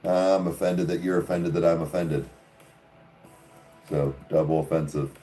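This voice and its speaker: Podcast guy ranting and swearing, real low voice, slow drawl, faint music under it. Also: fairly even intonation, dark tone. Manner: profane, ranting, sarcastic. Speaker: podcast host. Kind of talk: casual podcast chat. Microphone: studio podcast mic.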